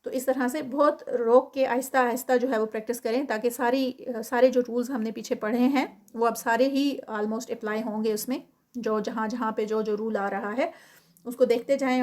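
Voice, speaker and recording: A recitation teacher with a Pakistani Urdu accent and a slightly high voice. She chants each word slowly and stretches the vowels, then drops into quick, quiet explanation. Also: steady tone. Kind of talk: tajweed lesson, explaining and reciting.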